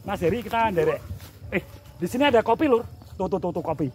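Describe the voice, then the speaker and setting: A Javanese-accented man hosts a casual outdoor vlog on a rural coffee-growing hillside, chatting with locals, asking questions, and often repeating their answers. His high voice is animated and quick with a darkish tone and a little hiss or hum.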